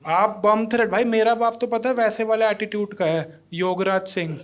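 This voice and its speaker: A man's voice: sits high, steady tone, normal speed. A man in his thirties performing a stand-up comedy set in a comedy club, teasing the audience and judges and acting out quotes. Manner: acts out quotes in other voices.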